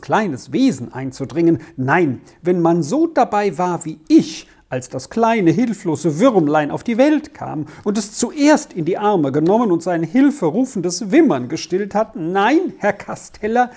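A woman reading aloud voices an older housekeeper who pleads indignantly and without pause for the child in her care. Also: fairly low pitch, warm tone, pitched above the performer's own voice. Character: older female housekeeper, fussing and tearful.

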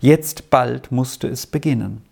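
Gravelly narrator, measured storybook reading, mid pitch. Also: a little mellow.

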